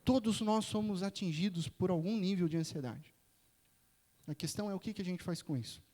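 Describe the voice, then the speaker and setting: A man's voice: high-pitched, a little fast, warm tone. A Brazilian man preaching a sermon as pastor, telling a family story with chatty asides and frequent tag questions. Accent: Brazilian Portuguese. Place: church sanctuary. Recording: echoey church hall.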